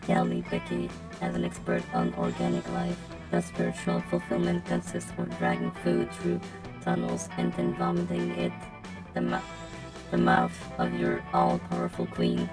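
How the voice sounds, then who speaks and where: A woman's voice: wildly swooping pitch, normal speed, vocal fry, exaggerated voice. A woman speaking through a voice changer that drags her voice far down, voicing a formal, curious male robot who studies organic life with stiff, polite phrasing. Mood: earnest. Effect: voice changer pitching the voice far down. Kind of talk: reading game dialogue aloud with a friend. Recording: loud music playing behind.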